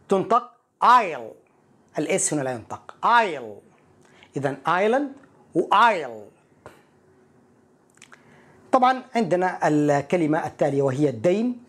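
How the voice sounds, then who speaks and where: A woman teaching English pronunciation, repeating each word slowly and clearly so learners can copy it. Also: low-pitched. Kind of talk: pronunciation lesson with repetition drills.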